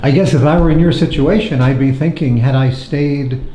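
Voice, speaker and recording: A man's voice: mid-range voice, moderate pace, dark tone. A man interviewing a guest sympathetically, summing up what the guest has said. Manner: sympathetic, sums up the guest's words. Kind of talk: conversational interview. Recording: echoey room with faint noise.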